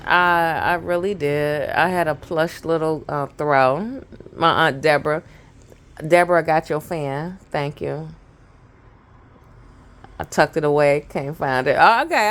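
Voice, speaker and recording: A Brooklyn-accented woman in her thirties, a vlogger, tells a meandering family story to camera and laughs often. Her voice is low-pitched with lively intonation, a slow pace and long pauses.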